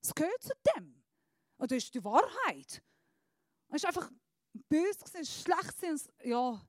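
A woman preaches a sermon in a high, bright, sing-song voice, slow and deliberate with pauses, moving between hushed, soft phrases and loud, emphatic appeals. Her handheld mic sounds close and dry, with no room sound.

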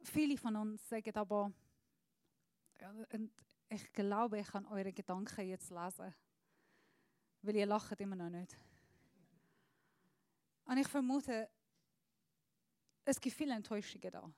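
A woman preacher giving an earnest sermon, often dropping to a soft, low voice. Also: unhurried, long pauses, dry recording, clean studio sound.

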